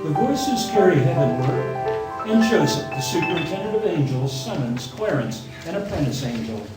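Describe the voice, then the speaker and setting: A man in a radio play acting a calm, authoritative senior angel who tells the story in measured tones. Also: fairly high pitch. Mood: storytelling. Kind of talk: stage radio play narration. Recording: echoey theatre, faint music behind.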